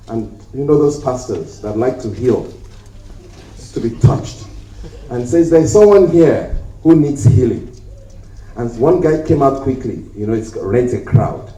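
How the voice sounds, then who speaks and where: With a mellow, mid-range voice, a man gives a conference talk in a hotel hall, telling humorous stories and acting out the voices of those involved. He starts on a handheld mic, then puts it down. The hall is echoey and he is far from the mic.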